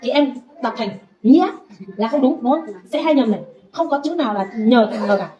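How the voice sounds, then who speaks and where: A woman teaching Vietnamese, patiently saying sounds slowly for her student to repeat. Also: a little high, animated. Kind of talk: pronunciation drill lesson. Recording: dull lo-fi recording.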